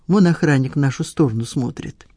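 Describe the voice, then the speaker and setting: Sensible middle-aged married woman, as the narrator reads her, wary, brisk dry replies, mellow voice, audiobook. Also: medium pitch, no room sound, lightly acted.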